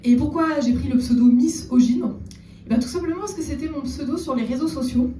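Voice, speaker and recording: A woman doing a stand-up comedy set on stage, chatting with the audience and slipping in deadpan ironic asides. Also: sits high, brisk. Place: theater stage before a live audience. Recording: roomy echo, distant mic, audible room noise.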